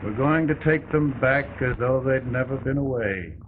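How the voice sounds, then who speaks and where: An actor playing a weary, folksy elderly president who speaks in slow homespun stories, heard as early talkie film sound. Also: male voice, medium pitch. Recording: tinny, hissy 1930 film soundtrack.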